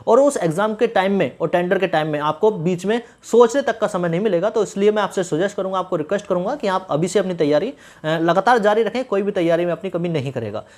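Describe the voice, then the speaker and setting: Speaking quickly, this man sounds like a YouTuber coaching people for an exam, with a voice that is high-pitched and a little mellow. His instructive advice comes in an informal style, and he often repeats a phrase for emphasis.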